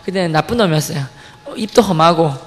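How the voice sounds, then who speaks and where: A young man giving a lively church testimony, acting out the lines he quotes and firing questions at the congregation. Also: on the high side, fast. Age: young adult. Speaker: testimony speaker at a church service. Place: church sanctuary. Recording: long hall reverb from the church.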